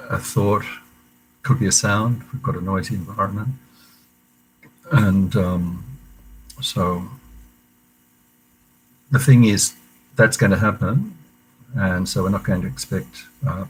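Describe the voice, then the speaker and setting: A man leading an online meditation class, speaking gently and haltingly, with many fillers and restarts. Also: deep voice, a little hiss or hum, rough recording. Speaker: meditation teacher. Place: room at a meditation centre.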